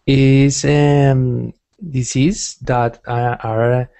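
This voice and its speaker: A man from Colombia speaking as a student on a video call from a room with bookshelves, halting and searching for words. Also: mid-range voice, level tone, vocal fry, warm tone.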